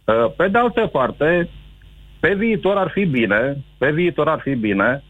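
A man calling in to a radio show, speaking hesitantly with lots of pauses and restarts. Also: a little high, very animated, dry recording. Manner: hesitant, many fillers and restarts. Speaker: caller. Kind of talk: call-in radio chat. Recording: tinny phone line.

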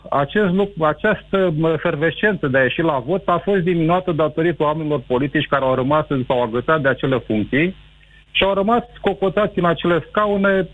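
A man calling in to a radio show, speaking hesitantly with lots of pauses and restarts. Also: on the high side, no echo. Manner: hesitant, many fillers and restarts. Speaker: caller. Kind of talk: call-in radio chat. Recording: tinny phone line.

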